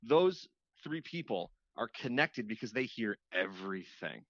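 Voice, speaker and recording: Guesting on a podcast, this radio host speaks with a sing-song, somewhat low voice that is a bit bright and a little slow. He's chatty and reflective, looping back and repeating words for emphasis, on slightly dull lo-fi audio without room sound.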